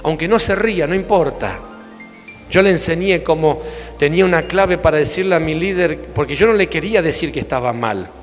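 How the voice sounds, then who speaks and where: A man's voice: fairly high pitch, a little fast. A man preaching a sermon in Argentine Spanish, fervent, firing rhetorical questions at the congregation. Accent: Rioplatense Spanish. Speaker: apostle preaching. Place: church hall. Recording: long reverb, music behind.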